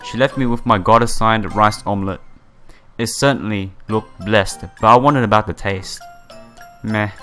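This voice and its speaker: In a mid-range, fairly bright voice at normal speed, a let's player reads through a visual novel aloud, with occasional stumbles and casual slangy asides, accompanied by background music.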